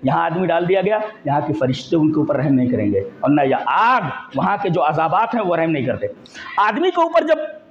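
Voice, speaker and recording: A man giving a Friday sermon in a mosque, emphatic and animated, sometimes acting out voices in quotes. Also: on the high side, echoey room, highs cut off, slight background noise. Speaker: preacher.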